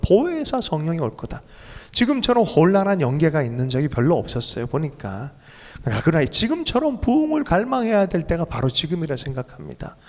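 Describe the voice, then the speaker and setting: A man preaching as pastor of a church, emotional and leaping to sudden high bursts. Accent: Korean. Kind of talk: sermon. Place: church sanctuary. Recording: long reverb of a church hall.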